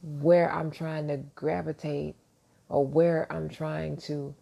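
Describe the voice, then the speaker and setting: Early in the morning at home, a man hosts a motivational podcast monologue, his deep voice kept soft and quiet so he won't wake the neighbors. Slow, with vocal fry and little pitch movement, he comes across self-assured and reflective, restarting as he rambles casually.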